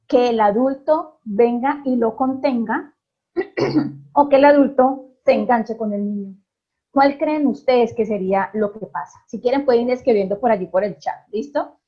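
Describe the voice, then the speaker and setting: A woman's voice: a little high, moderate pace, husky, muffled recording. A woman psychologist giving an online parenting talk, often asking her audience questions and checking with "¿listo?".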